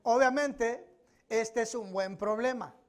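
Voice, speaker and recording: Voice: mid-range voice, normal speed. A preacher teaching a Bible study sermon to a congregation, emphatic and speaking straight to them, repeating key phrases. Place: church service.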